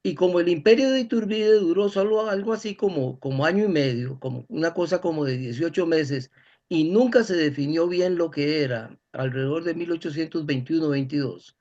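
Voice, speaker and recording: A man's voice: on the high side, moderate pace, a little mellow, highs cut off. A man with a Costa Rican accent in an informal discussion, explaining things emphatically. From Costa Rica.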